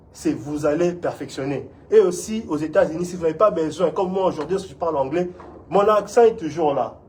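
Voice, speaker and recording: With a fairly high, slightly mellow voice, this instructor from Congo delivers an earnest and encouraging community talk in an interview. He keeps checking in with "vous voyez?".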